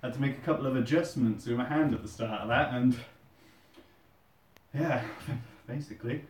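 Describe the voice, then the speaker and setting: A man's voice: mid-range voice, moderate pace. Male British fitness vlogger, informal chat during push-ups, recorded at a distance in a roomy, echoing space. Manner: chatting while doing push-ups, exerting himself. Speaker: host of a fitness challenge video. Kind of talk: casual workout vlog chat. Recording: roomy echo, distant microphone.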